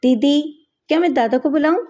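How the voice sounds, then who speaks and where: A woman's voice: high-pitched, dark tone, pitched above the performer's own voice, lightly acted. A woman voicing a man who is an armed gang henchman, insistent and nagging.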